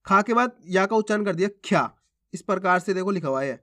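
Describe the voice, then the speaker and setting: A man giving a reading lesson, asking how each word is read and then repeating it slowly with careful stress on the sounds. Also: high voice, animated. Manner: loudly sounds out model words. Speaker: Hindi reading teacher. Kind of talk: slow spoken lesson, reading words aloud.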